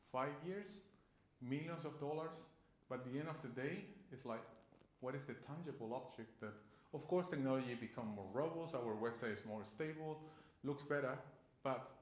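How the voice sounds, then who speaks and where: A man's voice: mid-range voice, moderate pace. Man presenting in an echoey room. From Chile. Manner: earnest, loose non-native phrasing with restarts. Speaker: conference speaker. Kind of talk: conference presentation. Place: conference room.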